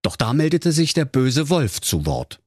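A man's voice: mid-range voice, big pitch swings, measured pace, a little mellow, no room sound, clean studio sound. A man telling a comic fairy-tale parody in a playful, theatrical way. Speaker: narrator.

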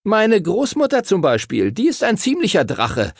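A man's voice: a little high, lively intonation, slow pace, darkish tone, dry recording, clean studio sound, voice pushed up. A man voicing a grumpy, mocking schoolboy in an audiobook. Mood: sulky. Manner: sulky, mocking. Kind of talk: audiobook character voice.

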